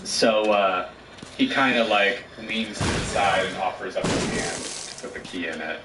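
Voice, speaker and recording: A man running a tabletop game as game master, narrating casually with halting, informal improvisation. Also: sits low. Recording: echoey room, distant mic, clear background noise.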